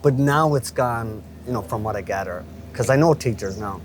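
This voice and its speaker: Casting: man in his fifties, west of Ireland accent from Galway, mid-pitched, casual storyteller, recorded amid clear traffic noise. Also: moderate pace. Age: 50s. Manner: chatty, colloquial, often checking in with "you know". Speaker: interviewee, local window cleaner. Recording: noisy street ambience with traffic.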